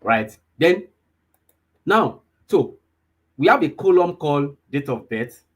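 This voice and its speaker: A very animated man in his 20s with a fairly high, husky voice takes his time teaching a live online data analysis class. He often repeats himself and checks in to see whether listeners follow.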